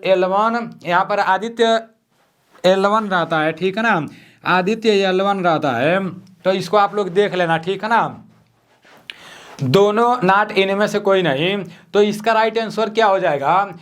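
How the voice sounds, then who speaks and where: A young man teaching exam questions at home at night, talking softly and repeating each question. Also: high voice, clean tone. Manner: soft-spoken, repeats each question, frequent "theek hai na". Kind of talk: quiz-style exam lesson.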